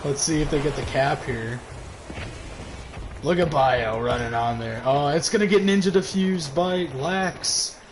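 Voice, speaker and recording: A man's voice: on the high side, unhurried, noisy background. A young man casting a live online match, laughing and exclaiming often, out of breath. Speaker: match caster. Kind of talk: excited live game commentary.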